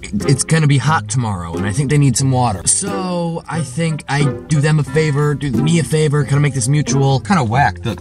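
A man's voice: medium pitch, fairly quick, music in the background. A young man vlogging to a handheld camera from inside his car, talking in a loose, rambling way with lots of fillers. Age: young adult. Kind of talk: casual vlog narration. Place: inside a car in a garage, also a bedroom. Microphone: handheld camera at arm's length.

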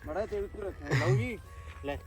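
A man's voice: high-pitched, moderate pace, crowd noise. A man with a Malwa Punjabi accent chatting casually with friends while working outdoors in a field. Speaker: farm worker, friend of host. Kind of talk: casual chat. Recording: outdoor field, voices behind.

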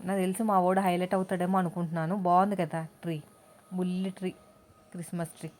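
A woman, chatting to viewers about her day in a casual home vlog. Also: fairly low pitch. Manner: talkative, addresses viewers directly. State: tired. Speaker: vlogger.

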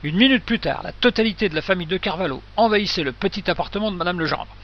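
A man's voice: high voice, rapid-fire, muffled recording, slight background noise. A man narrating a short story as an audiobook, reading steadily and expressively.

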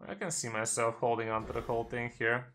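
A man's voice: mid-range voice, little pitch movement, fast talker, fairly bright tone, slight background noise. A man in his thirties giving casual, laid-back live game commentary, slangy and muttering to himself, on a home streaming mic. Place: small indoor room at home.

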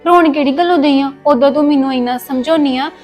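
Caring elder sister, woman actor, Punjabi accent, high pitch, gently scolding. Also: a little fast, faint music behind, natural voice. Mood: consoling. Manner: consoling, scolding gently, homely. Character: caring young woman comforting her sister. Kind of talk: Punjabi family drama acting.

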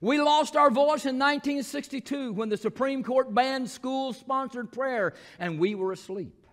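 A man with a Southern accent, a pastor preaching a sermon in church, moving between shouted scripture and quiet, folksy asides. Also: unhurried. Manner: preaching, swings from shouted proclamation to low asides. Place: church sanctuary.

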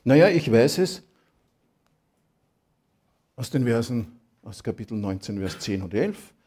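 Man, emphatic explanatory sermon, warm dark tone. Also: mid-range voice, sing-song, unhurried. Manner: emphatic, explanatory, quotes scripture. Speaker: preacher. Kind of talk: Bible exposition sermon.

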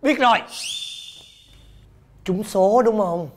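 An actress in a sitcom playing a family member who teases and exclaims. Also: female voice, medium pitch, faint music behind. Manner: teasing, quick exclamations. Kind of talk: sitcom acting.

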